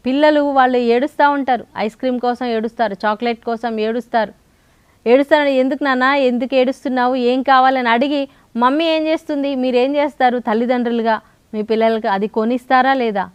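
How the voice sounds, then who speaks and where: A woman's voice: on the high side, clean tone, no room sound. A woman preacher giving a television sermon, repeating her phrases rhythmically and breaking into hallelujah refrains.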